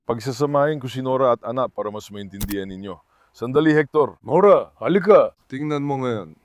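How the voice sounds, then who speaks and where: A man's voice: medium pitch, a little fast, clean tone, no room sound. A man vlogging about his pets, talking casually to the camera and coaxing his dogs. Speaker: pet vlogger. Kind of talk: casual vlog narration to the camera.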